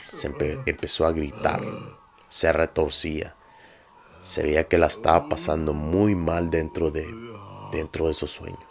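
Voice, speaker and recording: Deep, slow storyteller man. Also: creaky. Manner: measured, earnest and confiding. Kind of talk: paranormal story narration.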